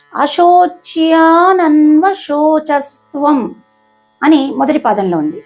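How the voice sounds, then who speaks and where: A woman hosting a lesson, explaining verse pronunciation slowly and carefully, syllable by syllable, with English words mixed in. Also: high-pitched, darkish tone. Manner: mixes English words into the talk. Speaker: host and Gita teacher.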